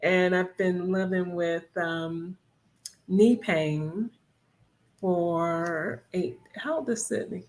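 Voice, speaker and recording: A woman in her fifties co-hosting a casual talk show, a little out of breath, chatty and quick to laugh. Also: on the low side, fairly even intonation, darkish tone. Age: 50s. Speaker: co-host.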